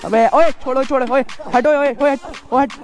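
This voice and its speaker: A man's voice: very high voice, steady tone, moderate pace. A man vlogging, trying to break up a fight and arguing back in exasperated, pleading outbursts. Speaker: motovlogger. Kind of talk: casual vlog argument.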